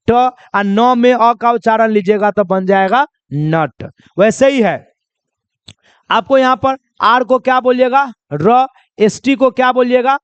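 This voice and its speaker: A man's voice: very high-pitched, clear, resonant tone, no echo, muffled recording. A male pronunciation teacher giving a lesson, asking a question and then answering it himself, and repeating key points. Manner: spells words out slowly. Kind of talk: classroom lesson.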